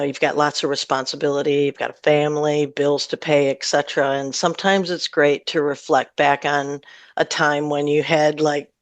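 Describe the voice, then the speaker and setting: A singer-songwriter from northern Michigan, USA, chats casually as a guest on a radio interview, with a Midwestern American accent. She thinks aloud in loose, unfinished sentences. Her voice is low and the recording dry.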